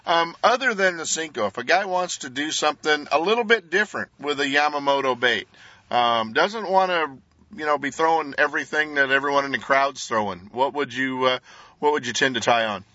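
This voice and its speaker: A man hosting a casual radio talk, speaking haltingly with frequent hesitations and pauses. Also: on the high side, lively intonation, sharp tone, no room sound, highs cut off. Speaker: radio show host. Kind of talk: casual fishing interview and sponsor reads.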